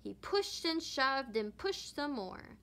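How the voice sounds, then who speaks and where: Woman, teacher, read-aloud storybook, expressive, bright voice. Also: sits high, slow. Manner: expressive, animated narration.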